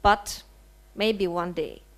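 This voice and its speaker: A writer and translator whose first language is Russian reads a prepared statement in a seminar hall. Her voice is fairly low and fairly bright, and she delivers it in a measured, earnest way, posing rhetorical questions.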